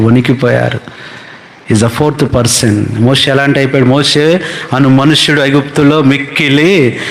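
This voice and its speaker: A man preaching a sermon as pastor, animated, with big swings between high and low. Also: vocal fry, slight background noise.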